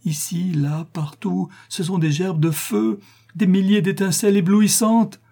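A tormented notary in a fevered delirium, his cries climbing high and shrill, as a man acts him out. The voice underneath is dusky and husky, pushed to frantic outbursts in a storybook reading. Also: normal speed, mellow. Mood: anguished. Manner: frenzied, shrill outcries. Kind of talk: audiobook character reading.

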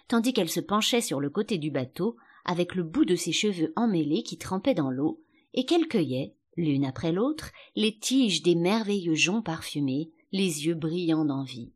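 A woman narrating a children's storybook with a lowish voice. Her pitch rises and falls freely. She reads in a measured, expressive way. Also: husky. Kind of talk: scripted audiobook narration.

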